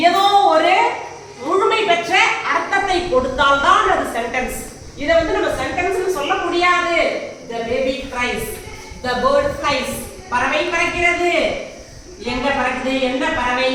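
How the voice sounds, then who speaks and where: Woman, Tamil accent, teacher, bright sharp tone, distant mic, faint background noise. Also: sits high, heavy reverb. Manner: explains in Tamil mixed with English, asks frequent check questions. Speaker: English teacher. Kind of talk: classroom grammar lesson.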